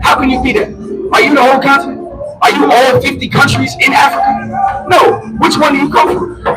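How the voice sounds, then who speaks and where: A man's voice: very high voice, level tone, fairly quick, recorded from a distance, over loud music, poor audio. A man preaching in the street, emphatic, pressing listeners to answer him back.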